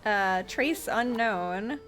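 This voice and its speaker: A woman doing let's-play commentary on a video game, reading game text aloud and pausing as she goes. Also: medium pitch, expressive, fairly bright tone, faint music behind.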